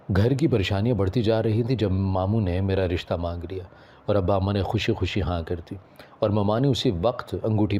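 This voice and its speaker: A man narrating a scripted first-person moral story, reading it at an even, measured pace. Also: fairly low pitch.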